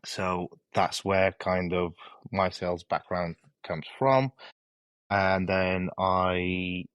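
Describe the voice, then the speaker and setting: A man from Iraq in his thirties talks in a relaxed, friendly way and laughs easily. His voice sits very low. The sound is dry and close, as on a video call from home. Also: takes it slowly, smooth, dry recording, highs cut off. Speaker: guest, dental implant company representative. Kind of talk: casual interview chat.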